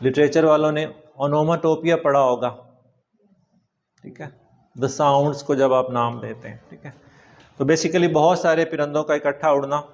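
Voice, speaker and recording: Slow-paced Pakistani man teaching vocabulary. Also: fairly high pitch, fairly even intonation. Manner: reads English words slowly, explains in Urdu. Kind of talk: classroom vocabulary lecture. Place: classroom.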